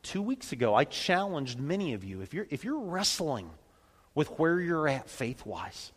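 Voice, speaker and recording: A man preaching a sermon, reading scripture with dramatic commentary and sudden shifts between loud and soft. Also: fairly high pitch, very animated, moderate pace. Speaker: pastor. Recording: long reverb of a large hall.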